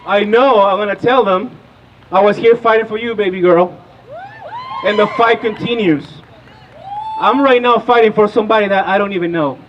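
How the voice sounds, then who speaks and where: This Peruvian organizer in his thirties stirs up an outdoor rally with a fervent speech full of questions for the crowd. His high voice moves at a moderate pace, while the recording has its highs cut off and a little hiss or hum.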